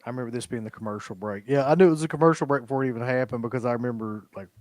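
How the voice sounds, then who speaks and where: A man's voice: mid-range voice, racing, darkish tone, no echo. A man hosting a casual watch-along livestream, bantering with friends, laughing and swearing often. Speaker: livestream host.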